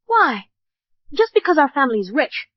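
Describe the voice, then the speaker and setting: A woman's voice: high voice, big pitch swings, normal speed, no room sound. A woman dubbing an emotional young bride pleading with her mother and fiancé. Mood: upset. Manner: pleading, upset. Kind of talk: English drama dub. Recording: dull dry studio dub.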